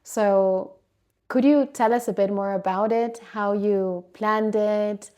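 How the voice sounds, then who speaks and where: A woman's voice: medium pitch, fairly even intonation, takes it slowly, darkish tone. A woman from Argentina, hosting a podcast and asking friendly interview questions. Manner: friendly, with frequent "yes" replies. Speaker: podcast host.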